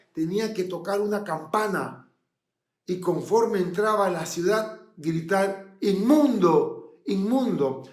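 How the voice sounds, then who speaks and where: Dramatic preacher in a roomy hall. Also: male voice, high-pitched. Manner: dramatic storytelling, swinging from hushed to loud. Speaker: pastor. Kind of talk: sermon. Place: church.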